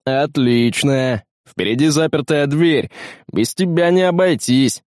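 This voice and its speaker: A man voicing a brash, crude male space marine in a storybook reading, gruff and barking. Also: on the high side, measured pace, darkish tone, dry recording, clean studio sound, lightly acted. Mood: barking orders. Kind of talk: audiobook character voice.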